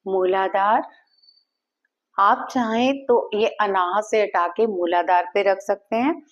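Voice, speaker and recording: A woman teaching Reiki, guiding listeners through breathing and a meditation in a calm, steady way, with repeated chanted words. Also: mid-range voice, a little slow, lo-fi sound. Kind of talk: guided meditation instruction.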